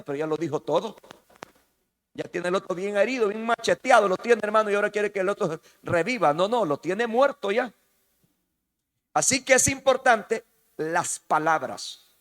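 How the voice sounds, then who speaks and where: High-pitched Salvadoran pastor preaching. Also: male voice, a bit bright. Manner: emphatic and repetitive, often addresses the congregation as "hermano". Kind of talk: preaching a sermon. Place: church hall. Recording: reverberant church hall.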